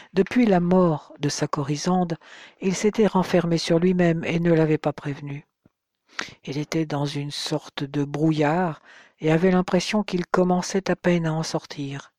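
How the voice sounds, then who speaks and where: An audiobook narrator calmly reading a novel on a close microphone. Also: medium pitch, moderate pace, no echo.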